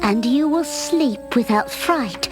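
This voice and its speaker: A woman playing a fearful young daughter in a cartoon, plaintive and drawn-out. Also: fairly high pitch, lively intonation, over music. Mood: fretful. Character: young daughter, fearful and fretful about magic. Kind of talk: cartoon acting.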